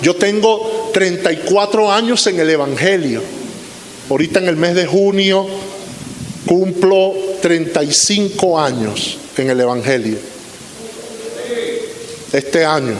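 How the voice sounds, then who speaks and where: High-pitched pastor in his 50s, preaching slow, echoey church hall w long reverb. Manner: emphatic preaching with repeated lists. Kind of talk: sermon. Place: church sanctuary. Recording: roomy hall reverb with faint hiss.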